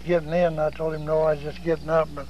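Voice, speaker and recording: Older guy telling a wry little story, flat voice, dull distant recording outdoors. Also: fairly high pitch, fast talker, a little hiss or hum. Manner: wry, plain-spoken anecdote telling. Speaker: interviewee.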